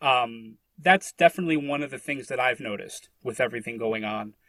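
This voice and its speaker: A man, talking in a relaxed, reflective way and often restarting his sentences. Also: medium pitch, a little fast, dry recording. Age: 30s. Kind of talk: casual conversation.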